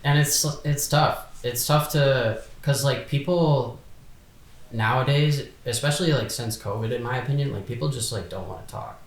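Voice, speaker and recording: A man's voice: mid-range voice, moderate pace, reverberant. A man in his twenties, a podcast guest talking casually and hesitantly, full of fillers and restarts. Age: 20s. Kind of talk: casual chat.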